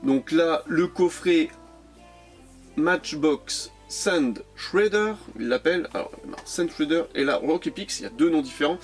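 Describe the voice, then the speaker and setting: A man chatting casually while unboxing and reviewing his die-cast toy cars, hesitant and full of repeated words. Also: fairly high pitch. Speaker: toy car collector vlogger.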